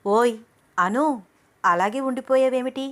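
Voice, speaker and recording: A woman's voice: a little high, measured pace, voice pushed up, lightly acted. A charming young husband, romantic and teasing, coaxing his shy wife in a storybook romance, as a female narrator reads him. The delivery stays close to her own medium voice.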